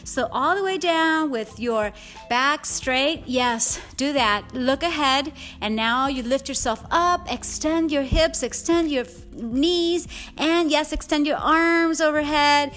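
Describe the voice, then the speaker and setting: A woman's voice: sits high, slow, a bit bright, faint music behind. A woman fitness instructor and podcast host coaching a workout like an aerobics instructor, enthusiastic, bubbly and encouraging.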